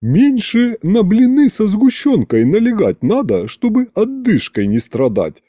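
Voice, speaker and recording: A man's voice: wildly swooping pitch, a little slow, warm tone, no echo, clean studio sound, exaggerated voice. A man voicing a sly, flirtatious male palace butler who talks in a coy, mocking way. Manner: coy, mocking, higher-pitched.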